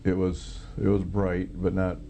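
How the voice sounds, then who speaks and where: A middle-aged or older American man, a former Air Force air traffic controller, recounts a personal experience in an interview. His low, monotone voice is halting, plainspoken and matter-of-fact, the way a former serviceman might talk. Plucked guitar music plays behind him.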